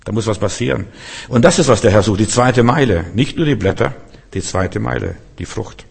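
A man's voice: fairly low pitch, a little fast, creaky, husky. A man preaching a sermon, emphatic and repetitive, speaking directly to his listeners.

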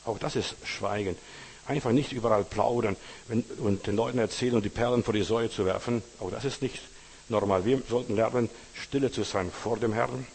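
A man's voice: fairly low pitch, a little fast, vocal fry, darkish tone, husky, in a large hall. A man preaching a sermon informally, speaking to the listener as a friend and retelling parables. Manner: informal, addresses listener as du, retells stories with acted quotes.

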